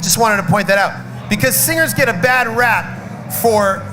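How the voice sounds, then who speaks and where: With a measured pace and a voice that sits high, a guest rock singer chats casually backstage at a festival amid background noise and loud music. His manner is outspoken and emphatic, with swearing, and a slight cough and cold come through.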